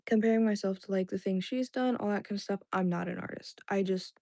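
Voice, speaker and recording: A young woman who first spoke Indonesian hosts a stream and chats casually with viewers, rambling with constant "like"s, fillers and restarts. She talks a little fast in a warm, medium-pitched voice with vocal fry, and the recording is dry, clean studio sound.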